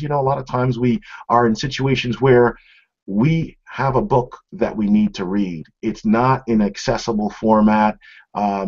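A middle-aged man speaks directly to viewers during a casual product demonstration, explaining in a conversational way from a small indoor office. His voice is lowish and darkish, captured through dull, lo-fi webcam audio.

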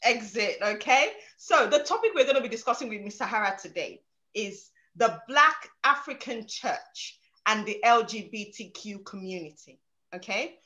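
A young adult woman hosts an interview show over a video call from a room in her home, speaking emphatically and constantly tagging her lines with "okay?". Her voice is fairly high, expressive and sharp, at a normal speed.

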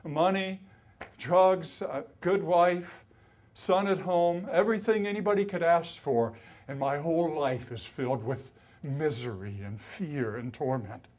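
A man's voice: a little high, unhurried. A man in his fifties from the US East Coast, telling his life story as a conference speaker. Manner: storytelling, grows loud and excited, often laughing. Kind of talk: preaching testimony. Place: conference hall.

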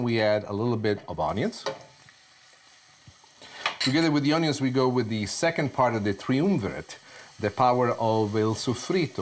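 A man's voice: medium pitch, a little hiss or hum. A middle-aged man hosting a cooking show in a home kitchen, explaining each step expressively and asking himself rhetorical questions. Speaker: TV chef host.

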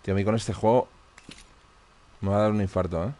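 A man's voice: fairly low pitch, fairly even intonation, fast, dark tone. Tense Spanish man muttering over gameplay. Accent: Spain Spanish. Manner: tense, muttering, frequent swearing. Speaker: streamer. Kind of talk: live horror gameplay commentary.

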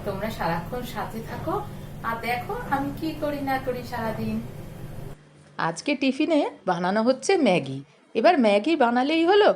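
Hoarse middle-aged woman with a cough chatting to her viewers on a phone, daily vlog, voice a bit high. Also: sing-song, normal speed, noisy background. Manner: chatty, talks straight to viewers. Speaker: vlogger. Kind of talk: casual daily vlog narration.

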